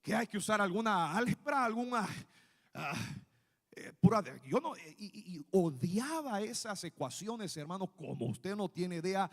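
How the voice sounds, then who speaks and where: A man from Guatemala preaching a sermon as pastor, animated and speaking straight to his listeners as brothers. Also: high voice, moderate pace, big-room sound. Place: church sanctuary.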